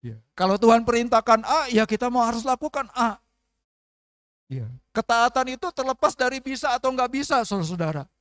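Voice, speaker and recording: Pendeta pria bersuara tinggi, kering. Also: male voice, extremely high pitch, expressive, brisk, fairly bright tone, dry recording, studio quality. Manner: preaching with call-and-response questions and acted prayers. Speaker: pastor. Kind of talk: sermon. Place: church service.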